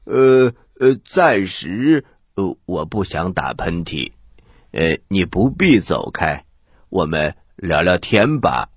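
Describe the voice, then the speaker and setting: A man voicing a bored, courteous stone statue in a children's story, husky and hesitant. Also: sits low, sing-song, slow, dry recording, pitched below the performer's own voice, exaggerated voice. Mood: bored, weary. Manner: hesitant, sighing, ponderous.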